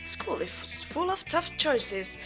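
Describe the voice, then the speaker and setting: A woman's voice: high-pitched, big pitch swings, slow pace, music in the background. A woman hosting a gaming video, casually commenting and reading the game's text aloud.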